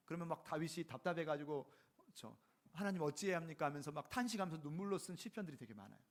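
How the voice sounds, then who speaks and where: This pastor, a man with a somewhat high voice, preaches casually and keeps interrupting himself to ask his listeners "right?" Scripture readings come out slower, every phrase handled with deliberate care.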